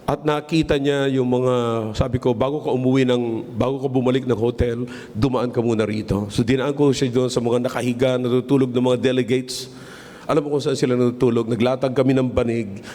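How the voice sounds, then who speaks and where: A man's voice: medium pitch, fairly even intonation, brisk, warm tone. A man, a pastor preaching a sermon and telling stories, mixing Tagalog with English and repeating words for emphasis. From Philippines. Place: church hall. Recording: long church reverb, faint room ambience.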